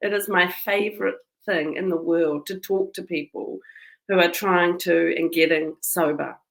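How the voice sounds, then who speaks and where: Kiwi woman, community manager talking straight to her members, earnest and emotional, bit of a gravelly fry in the voice. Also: on the low side, steady tone, measured pace, low-quality recording. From New Zealand. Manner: emotional, earnest, tearful at times. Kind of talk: heartfelt personal address to camera.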